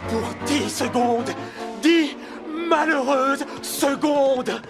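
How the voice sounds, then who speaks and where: A man's voice: high-pitched, big pitch swings, normal speed, over music. A man voicing a hapless, anxious and naive younger brother in a French cartoon dub. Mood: panicked.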